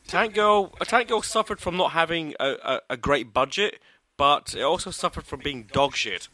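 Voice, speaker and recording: Sweary, opinionated podcast regular. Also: male voice, fairly high pitch, lively intonation, normal speed, bright, forceful tone, dry recording. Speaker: podcast contributor. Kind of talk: casual film chat.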